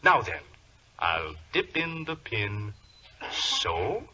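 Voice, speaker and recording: An actor playing a suave, villainous professor, politely gloating and deliberate, in 1940s radio drama style. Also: male voice, on the low side, big pitch swings, sharp tone, full character voice. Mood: gloating menace. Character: suave villainous professor, scheming and menacingly courteous. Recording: muffled, hissy vintage radio recording.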